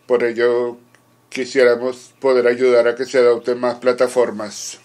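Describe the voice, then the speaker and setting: A conference interpreter delivers a formal simultaneous interpretation in short, measured phrases broken by halting pauses. His voice is medium-pitched, monotone, and a little mellow.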